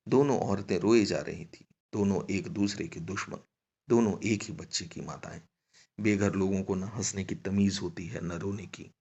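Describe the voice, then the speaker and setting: A man reads a short story aloud in a measured, dramatic way. His voice is very low and gravelly with plenty of fry. The sound is dull and lo-fi, like a muffled home recording. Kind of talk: scripted story narration.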